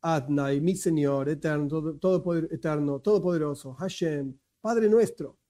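A man teaches in a warm, slightly high voice at a moderate pace, his Argentine Spanish accent clear throughout. He lectures conversationally, explaining things patiently with a few joking asides.

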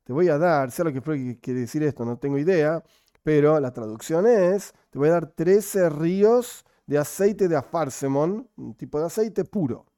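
A man's voice: fairly high pitch, expressive, warm tone, no echo, studio quality. Man teaching Talmud. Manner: reads Aramaic slowly, then explains it casually. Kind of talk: Talmud study class.

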